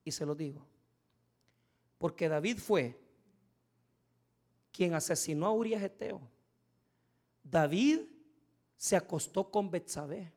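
A middle-aged man preaching a sermon as pastor, swinging from soft speech to loud shouts. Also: fairly high pitch, animated, slow, long pauses.

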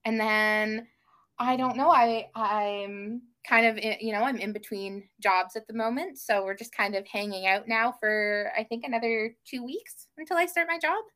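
Young woman podcast guest, bright tone, eager, lots of ums. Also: on the high side, moderate pace. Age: young adult. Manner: enthusiastic, many ums and restarts. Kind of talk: casual podcast chat.

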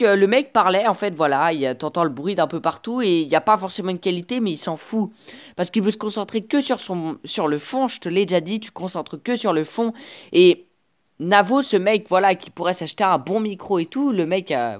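A woman hosts a casual solo podcast, speaking directly to her listener with chatty encouragement. Her talk stops and restarts, full of filler sounds. She records on a simple earphone microphone. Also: mid-range voice. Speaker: podcast host. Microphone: earphone headset mic.

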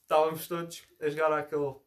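A man's voice: fairly high pitch, level tone, fast. A young man chatting casually with friends and telling anecdotes in an informal way. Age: young adult. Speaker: participant in a group chat.

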